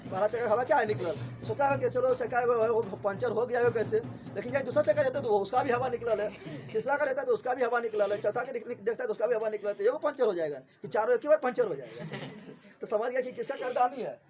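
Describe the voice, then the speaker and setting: A man, teaching a story chapter to a class, often asking a quick question and answering it himself. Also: very high-pitched, music in the background.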